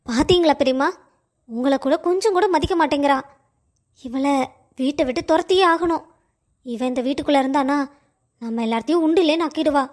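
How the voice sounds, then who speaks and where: A woman voices a taunting cartoon mother-in-law, high and sharp-tongued. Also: brisk, pauses often, lightly acted. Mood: indignant. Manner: taunting, accusing. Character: scornful mother-in-law, middle-aged woman.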